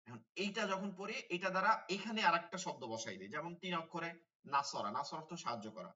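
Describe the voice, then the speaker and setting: A man teaches an online Quran class in a bright, sharp voice pitched a little high. He repeats each term and quizzes his students as he goes. The sound is dull and comes from some distance from the mic. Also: animated, fast. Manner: repeats key terms, asks students questions.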